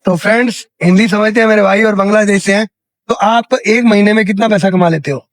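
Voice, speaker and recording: A young man from India speaks in a high, lifted voice with a dry, close sound. He runs a chatty street interview outdoors, repeating each answer back for his viewers. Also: fairly even intonation, fast, no echo. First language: Hindi. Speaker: travel vlogger interviewing a worker. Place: outdoors in a city square.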